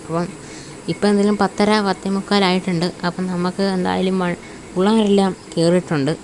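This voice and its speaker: A woman's voice: fairly low pitch, steady tone, a little fast, a little mellow, a little hiss or hum. A woman with a Malayali accent giving casual gameplay commentary, mixing Malayalam with English words and chummily addressing viewers as buddies. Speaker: gaming channel host.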